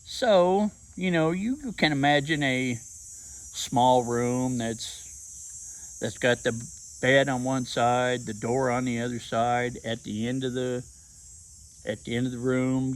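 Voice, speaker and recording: A man's voice: medium pitch, fairly even intonation, low-quality recording. A man telling a rambling, profane story in a casual rant. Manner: profane, rambling, drawn-out delivery. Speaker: vlogger.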